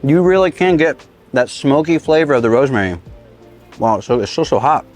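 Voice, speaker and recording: Upbeat male chef host, mid pitch, chatty cooking demo outdoors with light music under. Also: expressive, brisk, a little mellow. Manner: enthusiastic, chatty, talks with a mouthful at times. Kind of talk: casual cooking demonstration. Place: outdoor griddle cooking set.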